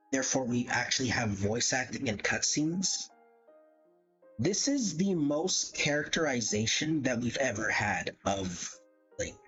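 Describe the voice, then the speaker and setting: A man's mid-range, fairly bright voice carries casual livestream commentary as he ranks game characters. As the host, he thinks aloud hesitantly and corrects himself often, recorded on a dull lo-fi mic with background music.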